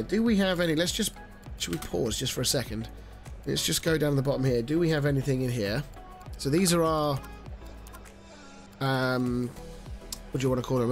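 This gaming channel host, a man in his thirties, gives casual let's-play commentary, rambling chattily and leaning on lots of fillers. His medium-pitched voice is gravelly, and it also sounds nasal and stuffy from a cold.

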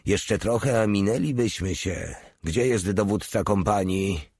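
A man voicing a calm, gruff veteran male tank commander in an audiobook, speaking tersely. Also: lowish voice, a little slow, dry recording. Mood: calling out.

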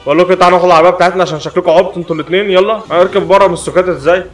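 Young egyptian man, quick gaming commentary, a bit high, jokey and loud at times. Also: soft background music. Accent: Egyptian Arabic. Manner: joking, excitable, talks back to the game. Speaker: gaming YouTuber. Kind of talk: Egyptian Arabic gameplay commentary.

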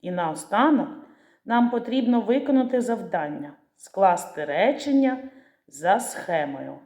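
A woman teacher leads young children through a literacy lesson, drawing each word out syllable by syllable. Her voice is mellow and unhurried. The recording carries a roomy echo. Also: medium pitch, animated. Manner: slow, syllable-stretching pronunciation of words. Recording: echoey room.

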